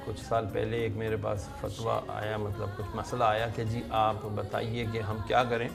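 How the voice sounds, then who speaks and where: Earnest scholar in his fifties, rough gravelly tone, preacherly delivery, soft music underneath. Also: on the low side, monotone. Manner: earnest, preacherly, acts out quoted voices. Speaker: religious scholar. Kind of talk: storytelling on a talk show.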